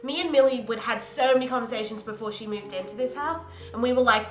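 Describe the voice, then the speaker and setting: An Australian woman in her twenties co-hosting a casual chat at home, bubbly, excitable and blunt. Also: on the high side, fast talker. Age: 20s. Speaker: co-host. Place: home, in a pillow fort indoors. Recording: echoey room with background music.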